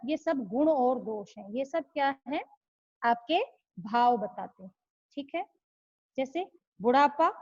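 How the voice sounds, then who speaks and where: A woman's voice: high-pitched, a little mellow. A woman teaching young children an online lesson, patiently explaining and often checking if they understand. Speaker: school teacher. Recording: slightly muffled lo-fi audio.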